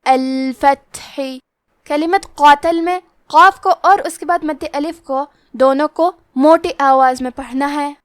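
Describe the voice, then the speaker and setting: A woman with a high voice teaches the rules of Quran recitation in a calm, explanatory manner. She stops to recite each word slowly, drawing out every sound. The recording is dry, with no room echo. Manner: explains rules plainly, then recites words slowly and drawn out. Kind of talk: tajweed lesson with slow recitation.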